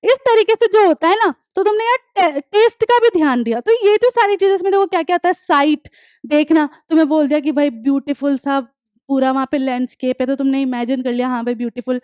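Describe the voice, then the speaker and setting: High-voiced woman teaching an English class. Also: darkish tone, dry recording, studio quality. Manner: explains step by step, often checking understanding; reads English examples slowly and deliberately. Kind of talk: online class lecture.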